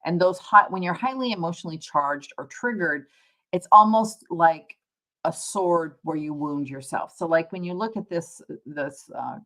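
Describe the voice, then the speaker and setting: Her pitch sits fairly low, her tone is fairly bright, and she moves at a moderate pace. The woman is a tarot reader running an informal livestream, musing aloud to viewers and rewording her explanations.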